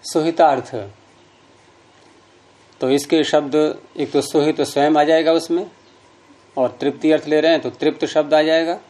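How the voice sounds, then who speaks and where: Man patiently explaining grammar, mellow tone. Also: a little high, steady tone, a little slow, pauses often. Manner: patient, step-by-step explaining, repeats key terms. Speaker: Sanskrit grammar teacher. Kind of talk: explaining grammar rules with examples.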